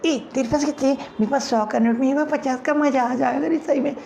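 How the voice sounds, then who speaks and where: A man's voice: steady tone, vocal fry, darkish tone, slight background noise. A male comedian mimicking chatty young women friends gossiping at a street snack stall, in a stand-up act. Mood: gossipy. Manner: high-pitched, gossipy, fast back-and-forth chatter. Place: comedy stage before a live audience.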